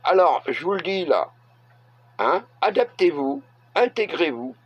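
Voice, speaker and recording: A middle-aged man from France, giving a blunt opinion monologue to camera and pausing often to hesitate. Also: on the high side, lively intonation, husky. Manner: blunt, halting with frequent filler hesitations. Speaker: vlogger. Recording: dull lo-fi recording.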